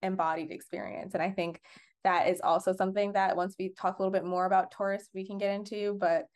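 A woman's voice: medium pitch, little pitch movement, fast, a little mellow. A young woman co-hosts a podcast and explains in an easy, conversational way. She keeps circling back with filler words and restarts as she thinks aloud. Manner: chatty, many fillers and restarts. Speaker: podcast co-host. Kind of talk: casual explanatory chat.

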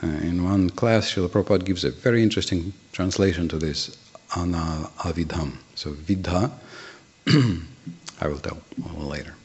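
A man giving a scripture class, chanting Sanskrit verses and explaining them word by word, often clearing his throat. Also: deep voice, fairly even intonation, normal speed, a little mellow.

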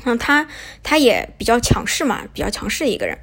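Young woman host from China, rapid-fire casual storytelling, slightly husky tone. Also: on the high side, wildly swooping pitch, fairly bright tone. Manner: chatty, poses and answers her own questions. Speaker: podcast host.

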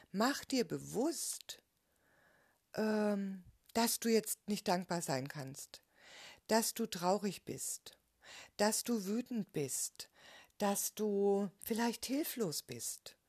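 Slow, gentle woman coaching softly. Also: mid-range voice. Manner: gentle, unhurried, often checks in with a questioning "ja?"; frequent hesitations and soft trailing endings. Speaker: personal development coach. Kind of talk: calm motivational teaching talk.

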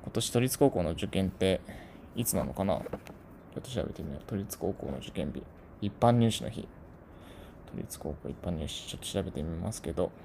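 A man's voice: sits low, lively intonation, brisk, creaky, dark tone, slight background noise. A man from Tokyo telling a casual story to his channel in a chatty, rambling way full of asides. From Tokyo, Japan. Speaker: channel host.

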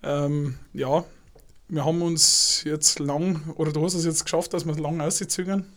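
A man's voice: fairly high pitch, steady tone, normal speed, fairly bright tone. A man hosting a casual podcast interview, hesitant and filling his questions with many "ähm"s and restarts. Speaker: podcast host.

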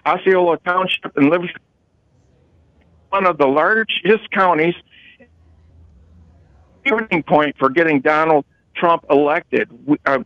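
A man calling into a talk show on a cell phone line that keeps breaking up, talking in a rambling, halting way. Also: fairly high pitch, no echo. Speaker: caller. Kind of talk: political call-in talk. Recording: muffled dry phone line.

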